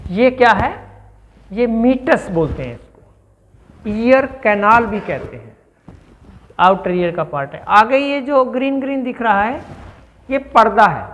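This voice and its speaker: Slow classroom teacher, keeps asking the class questions, echoey room. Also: mid-range voice, a bit bright, slight background noise. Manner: explains step by step, asks the listener questions. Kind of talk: classroom science explanation.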